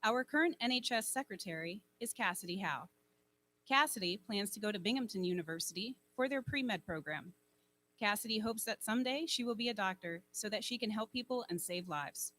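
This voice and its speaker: A woman's voice: medium pitch, animated, a little fast, fairly bright tone, slight background noise. A woman advisor reading student officer bios formally from a lectern microphone at a school ceremony. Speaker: honor society advisor. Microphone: speaking at a lectern microphone.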